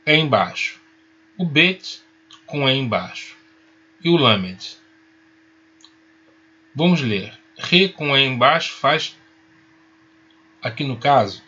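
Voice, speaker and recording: A man teaching a Hebrew lesson, patient and reassuring, spelling out each sound slowly. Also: mid-range voice, pushed and bright, breathy edge, muffled recording. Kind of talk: recorded online lesson.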